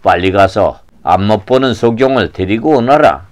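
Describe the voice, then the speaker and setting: A man voicing a calm, kindly savior figure in a children's puppet show, speaking slowly and solemnly. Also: fairly low pitch, voice pushed down, close to an everyday voice. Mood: gentle. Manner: slow, solemn and soft-spoken.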